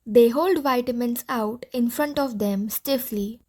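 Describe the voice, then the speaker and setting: A woman narrating the stage directions of an audiobook play in a clear, steady reading. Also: on the high side, a little slow.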